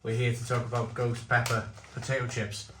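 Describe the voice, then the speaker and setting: A man giving a casual, unscripted review at home, talking haltingly and repeating his phrases. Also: mid-range voice, monotone. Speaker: food and beer reviewer. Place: home conservatory. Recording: roomy echo, faint background noise.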